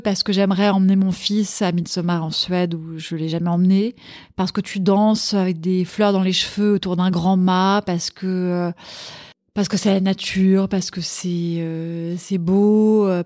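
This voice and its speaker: A woman's voice: lowish voice, no room sound, studio quality. A middle-aged woman from Sweden, a podcast guest and cookbook author, chatting casually and with enthusiasm. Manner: enthusiastic, animated storytelling. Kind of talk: casual chat.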